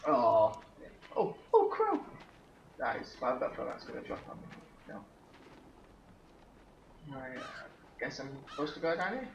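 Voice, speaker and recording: A man's voice: medium pitch, lively intonation, normal speed, vocal fry, pauses often. A man commentating his game play, jumpy and swearing, exclaiming at every scare. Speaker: let's play gamer. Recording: echoey, slightly dull, faint noise.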